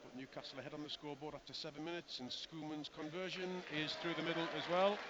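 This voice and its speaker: A man giving live play-by-play radio commentary on a rugby match, with rapid running calls and chatty asides to his co-commentator. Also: a little high, fairly even intonation. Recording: lo-fi broadcast with outdoor crowd noise.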